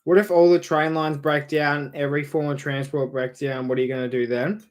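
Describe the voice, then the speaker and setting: On a live stream, a young Australian guy commentates a football match with a fairly high pitch and a flat, fairly quick delivery. He rambles chattily, swears freely, and gets louder whenever a goal goes in.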